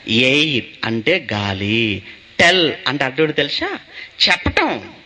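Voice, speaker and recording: A man's voice: mid-range voice, sing-song, unhurried, bright, forceful tone. A male pastor preaching a sermon, asking his listeners questions and answering them himself.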